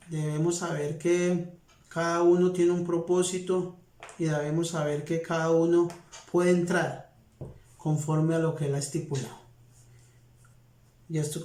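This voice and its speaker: A man's voice: a little high, dark tone, reverberant. A man, a pastor preaching to a present congregation in an earnest, repetitive way. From Colombia. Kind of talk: sermon. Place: congregation hall with audience present.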